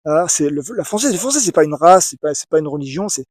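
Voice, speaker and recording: A man's voice: fairly high pitch, lively intonation, fast, husky, no room sound, studio quality. A man giving a casual opinion monologue to the camera, emphatic and repetitive, with many restarts and asides to the viewer. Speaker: video essayist.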